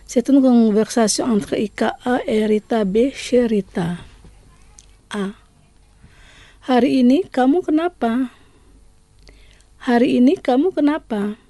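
A woman hosting a scripted radio language lesson, speaking slowly and repeating each phrase twice. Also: a little high, warm tone, no echo.

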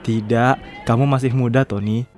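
A man's voice: medium pitch, fairly even intonation, normal speed, music in the background, lightly acted. An actor playing a friendly young man wishing a friend success, in a scripted lesson dialogue. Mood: congratulating. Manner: warm, congratulatory.

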